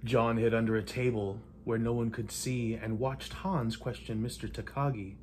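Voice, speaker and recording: An older man reads a rhymed picture book aloud in a living room, with measured, theatrical delivery and playful emphasis. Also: medium pitch, fairly even intonation, darkish tone. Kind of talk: rhymed storybook read-aloud. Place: indoors in a home living room. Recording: light room noise.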